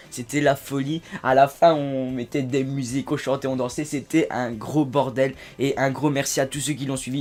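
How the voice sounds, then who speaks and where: A man hosting a casual let's-play video, chatty and excitable, with sudden loud outbursts between low asides. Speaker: gaming video host.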